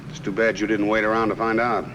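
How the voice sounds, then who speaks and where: A film actor plays a portly, shrewd, unflappable private detective boss in a 1950s film noir, an American man who is commanding and slangy. His natural voice sits on the low side and moves quickly with a flat delivery, sounding wry and probing. The old soundtrack is noisy.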